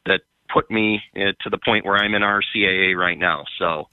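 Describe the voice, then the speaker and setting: A man calling in to a radio show over a phone line, talking in a hesitant, halting way with many fillers. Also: low voice, dry recording. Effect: heard over a phone line. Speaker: caller. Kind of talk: call-in conversation. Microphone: phone held by the caller.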